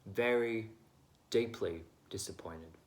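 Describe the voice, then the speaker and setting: A young man talks straight to his own camera at home, sharing his views in a loose, wandering monologue. His voice sits a little low, and he is quick to poke fun at himself. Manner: rambling, self-deprecating, candid. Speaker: vlogger. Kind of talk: casual opinion monologue.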